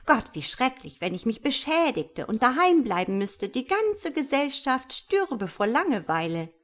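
A woman's voice: fairly high pitch, very animated, voice pushed up. A woman voicing a chattering, gossipy female magpie with a busy social calendar. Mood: fussy. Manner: chattering, fussy, rapid.

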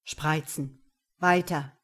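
Woman reader putting on a domineering man: low, curt commands, slow and deliberate. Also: expressive, a little mellow, husky, heavily acted. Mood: commanding. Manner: low, clipped orders.

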